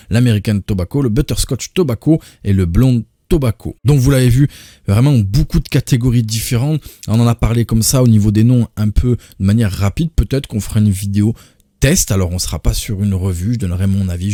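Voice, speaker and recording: A man's voice: on the low side, a little fast, warm tone, dry recording, clean studio sound. A man from France casually explaining products on his channel, with many hesitations and fillers. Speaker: product presenter.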